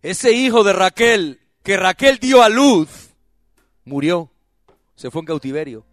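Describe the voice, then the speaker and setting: A man preaching a sermon, moving from soft teasing asides to loud cries and asking the congregation to repeat after him. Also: high-pitched, animated, slow, no room sound, clean studio sound, soft background music. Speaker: pastor.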